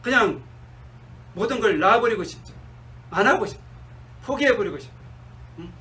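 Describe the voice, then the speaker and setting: A male pastor preaching a sermon, asking his congregation questions and answering them himself, sometimes slowing down and dropping to a soft murmur. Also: high voice, lively intonation, far from the mic, low-quality recording. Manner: slows down and drops to a near-murmur on key words.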